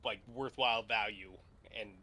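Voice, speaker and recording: A man playing a tabletop game, eager and quick to laugh. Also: on the low side, fairly even intonation, a loud crowd. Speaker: player. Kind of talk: casual tabletop game play.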